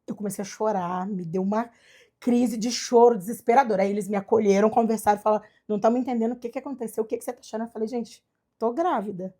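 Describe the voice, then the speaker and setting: A woman from Brazil telling her adoption story in a casual chat, animated and acting out the voices of people she quotes. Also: a little high, fast. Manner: animated, acts out quoted dialogue. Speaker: guest, adoptive mother.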